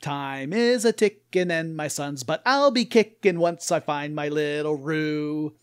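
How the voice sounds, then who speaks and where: A man's voice: fairly high pitch, a little slow, clear, resonant tone, lightly acted. A man voicing a fussy, motherly female toy kangaroo searching for her son. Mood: singing.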